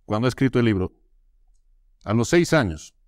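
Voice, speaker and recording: A man co-hosting a casual chat, reading aloud from a book and talking straight to the viewers in a relaxed, playful way. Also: mid-range voice, normal speed, dry recording, studio quality. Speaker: co-host.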